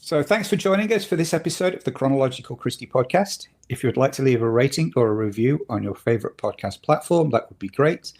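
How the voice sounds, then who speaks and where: A man co-hosting a podcast in casual chat, opinionated and getting animated when something annoys him. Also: medium pitch, quick pace, few pauses, husky. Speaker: podcast co-host.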